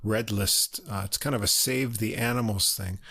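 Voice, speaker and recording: A man's voice: lowish voice, steady tone, moderate pace, pushed and bright. A man co-hosting a music podcast, easygoing and joking dryly in casual chat. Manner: easygoing, dry jokes, lots of uh fillers. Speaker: co-host of a classical music podcast.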